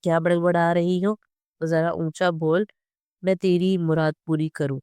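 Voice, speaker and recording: A storyteller voicing a hot-tempered working-class mother who scolds and threatens her daughter, in a smooth, dry reading. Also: medium pitch, level tone, measured pace, warm tone, no echo, lightly acted. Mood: scolding.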